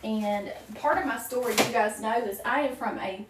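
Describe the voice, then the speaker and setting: Crafting wreaths live, this forties-aged host from small-town Virginia chats with her viewers in a Southern accent and welcomes them by name. She speaks at a moderate pace in a slightly high voice, picked up from a distance in a roomy, very noisy recording.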